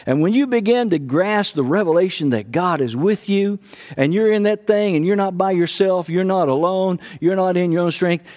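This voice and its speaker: A man's voice: high-pitched, moderate pace, a little mellow. A middle-aged male pastor preaching a sermon with fervor, often breaking in with "praise God" between his points. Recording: long hall reverb.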